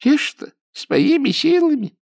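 A man's voice: extremely high pitch, sing-song, takes it slowly, creaky, a little mellow, no room sound, studio quality, pitched above the performer's own voice, exaggerated voice. A man voicing a half-deaf, grumbling old village woman in an audiobook, with a plaintive folksy manner.

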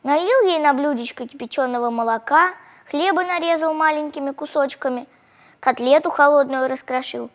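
A woman reading a children's story aloud in the first person, expressive and animated. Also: sits high, moderate pace.

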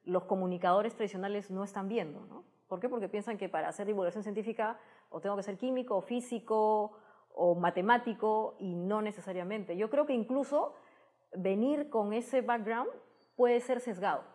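A woman with a Peruvian Spanish accent, interviewed as a science communicator, talks at a moderate pace in a medium-pitched, slightly mellow voice. Her answers are explanatory and conversational, frequently capped with a tag question.

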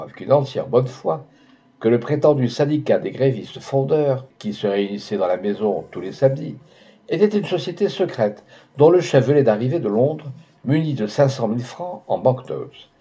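A man reading a novel aloud in an even, measured narration. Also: mid-range voice, muffled recording. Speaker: audiobook reader.

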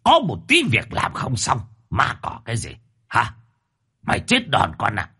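A man's voice: medium pitch, huge pitch swings, measured pace, bright, forceful tone, husky, heavily acted. Man doing a barking brutal landlord. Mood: furious. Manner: barking, cursing, threatening. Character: harsh brutal rich old landlord, bullying.

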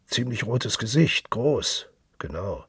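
A man's voice: fairly low pitch, big pitch swings, slow, a bit bright, husky, no echo, studio quality, pitched above the performer's own voice, heavily acted. A man voicing a touchy bedridden middle-aged invalid who recalls things eagerly.

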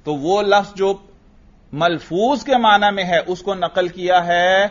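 A man's voice: sits high, muffled recording. A man teaching a lecture class, explaining step by step and asking himself questions before answering them. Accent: Urdu. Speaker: teacher of Arabic grammar.

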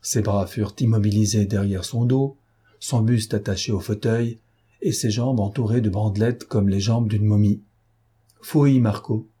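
Male audiobook narrator, mellow and slightly husky, measured pacing. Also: fairly low pitch, steady tone. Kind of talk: scripted narration.

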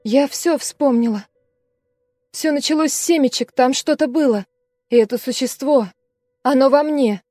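A woman's voice: high voice, normal speed, long pauses, warm tone, no echo, clean studio sound, faint music behind, voice pushed up. A woman voicing a frightened young female student who recalls a terrifying night in a fragile, breathless way. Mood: shaken recounting.

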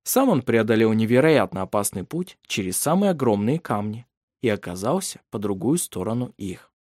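A man narrating an audiobook in a steady, measured, dramatic reading. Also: lowish voice, no room sound, clean studio sound.

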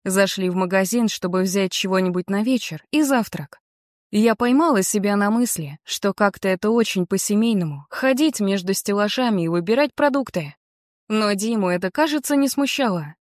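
A woman narrating a novel in the first person, telling it calmly and confidingly. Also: medium pitch, normal speed, dry recording, clean studio sound. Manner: calm, confiding storytelling. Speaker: audiobook narrator.

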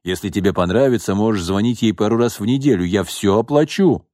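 A man's voice: on the low side, brisk, darkish tone, no echo, clean studio sound, lightly acted. A man reading a story and voicing a domineering, scheming older father who talks bluntly and mockingly. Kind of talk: audiobook reading.

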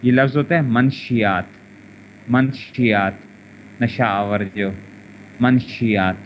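A man with a Pakistani Urdu accent giving an online grammar lesson, repeating words and drilling conjugations over and over. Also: mid-range voice. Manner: repetitive, drilling word pronunciations and conjugations. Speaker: teacher of Arabic morphology. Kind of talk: online classroom lecture. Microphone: internet voice chat room. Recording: lo-fi voice chat with faint noise.

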